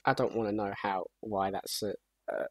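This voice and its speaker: A young man chatting casually with a friend while gaming, with a husky voice and dry, rambling humor. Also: fairly low pitch, fairly even intonation, moderate pace, a crowd in the background. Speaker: co-host.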